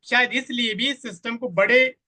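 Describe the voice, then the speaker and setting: A man's voice: extremely high pitch, fairly even intonation, normal speed, pushed and bright. A man giving a live online training on network marketing, who speaks to his audience directly and keeps asking them to type their answers in the chat. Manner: addresses the audience directly, asks for chat replies; quotes others in a voice of their own.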